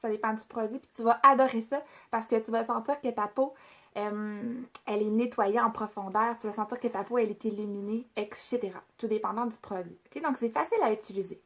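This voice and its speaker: A woman's voice: a little high, fairly quick. A woman with a Québécois French accent leading a casual product training, chatty, with many fillers and restarts as she speaks directly to her trainees.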